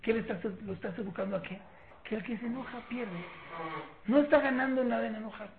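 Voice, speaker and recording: Mexican accent parenting class teacher, lively, plays out little family scenes, sounds like a tinny phone call. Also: mid-range voice, a little fast, gravelly. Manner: lively, acts out family scenes with mock questions. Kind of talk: religious parenting lecture. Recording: tinny phone-like line with faint noise.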